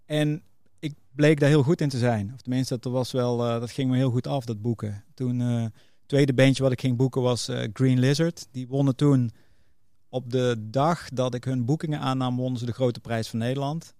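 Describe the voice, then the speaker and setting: Middle-aged male podcast guest, mid-pitched, casual anecdotal delivery, dry close sound. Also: fairly even intonation, moderate pace, warm tone, dry recording. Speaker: podcast guest, music booker. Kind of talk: casual interview, telling career anecdotes.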